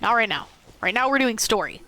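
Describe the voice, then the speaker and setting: A woman's voice: a little high, lively intonation, a little fast, bright, forceful tone, no room sound. A woman streaming a story game, making casual, joking commentary and often laughing.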